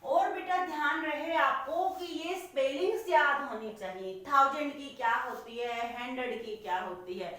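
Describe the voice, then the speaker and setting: A woman teaching young children in a classroom lesson, slow and patient. She repeats each question and answers it herself. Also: high voice, a bit bright. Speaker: primary school teacher. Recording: very echoey room, voice from far off.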